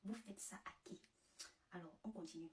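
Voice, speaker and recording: A woman telling a comic story as a vlogger, animated and laughing at her own tale. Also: on the low side, normal speed, far from the mic, slight background noise. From Cameroon. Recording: roomy, away from the mic.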